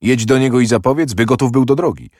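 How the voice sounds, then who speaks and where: A man's voice: medium pitch, expressive, fast, a little mellow, dry recording, studio quality, voice pushed up, lightly acted. A man reading the part of a proud, impatient young prince who speaks curtly and mockingly. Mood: brusque. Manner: curt, brusque and mocking.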